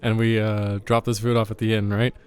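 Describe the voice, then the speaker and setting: A man's voice: on the low side, level tone, a little fast, darkish tone, clear, resonant tone, dry recording. A man playing a tabletop game, hesitant and stumbling over names. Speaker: player. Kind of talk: casual tabletop play.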